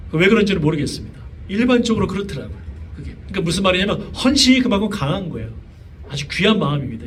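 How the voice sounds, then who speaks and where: A middle-aged male pastor preaching a sermon in a casual, conversational way, often asking the congregation questions. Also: high voice. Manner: conversational preaching with many fillers and rhetorical questions. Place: church sanctuary. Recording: voice from a distance, faint room noise.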